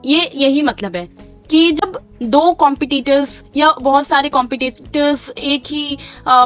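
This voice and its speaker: High-voiced Indian woman teaching slowly. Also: a bit bright. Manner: repeats each word slowly, switching between English and Hindi. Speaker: English vocabulary teacher. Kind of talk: slow dictation-style vocabulary lesson.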